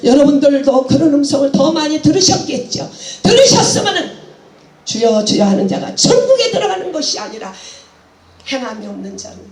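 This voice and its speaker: A woman's voice: high voice, very animated, a little fast, darkish tone, echoey room. A woman preaching a sermon with passion, laughing and exclaiming as she goes, mixing English phrases into her talk.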